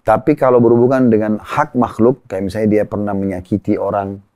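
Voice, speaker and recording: A man speaks as an Islamic preacher and guest, explaining religious teaching in a calm, measured way. His voice sits low and mellow. He lays out his points in order and cites sayings as he goes, and the sound is dry and close. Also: dry recording.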